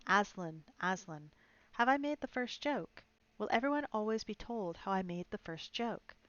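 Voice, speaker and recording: A woman voicing an excitable little male jackdaw, asking eager, breathless questions. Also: medium pitch, normal speed, no room sound, dull audio, natural voice.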